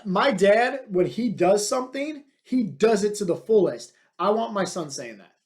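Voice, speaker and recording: This is a high voice at a moderate pace from a thirties-aged fitness coach on his own podcast. Blunt and energetic, his motivational monologue is heavy with fillers, especially "like" and "right?".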